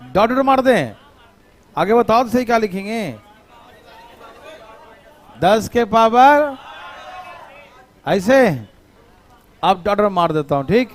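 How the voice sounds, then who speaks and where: Male teacher, high voice, teasing classroom manner. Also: animated, slow pace, pauses often, a faint crowd. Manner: playful, teasing, scolds students. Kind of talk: live classroom math lesson.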